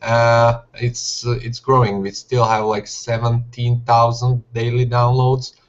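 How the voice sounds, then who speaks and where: A man's voice: medium pitch, level tone, measured pace. A young man, a game developer guest talking casually and hesitantly on a video call from his living room. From Serbia, Slovak parents. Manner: hesitant, many "uh" fillers, non-native grammar. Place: living room at home, indoors. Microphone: webcam video call. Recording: dull lo-fi video call audio.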